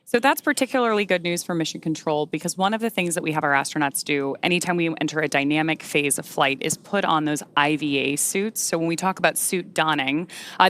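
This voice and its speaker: A woman's voice: deep voice, fairly bright tone. A woman co-hosting a live spaceflight webcast, explaining things in a conversational way. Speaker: launch webcast co-host.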